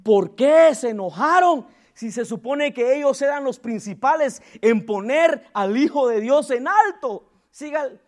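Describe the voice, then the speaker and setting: Very high-pitched man preaching a sermon. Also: expressive, unhurried, few pauses. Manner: calls on the congregation to repeat after him and respond; chuckles often and jokes with listeners. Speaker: pastor. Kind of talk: lively church sermon. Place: church service.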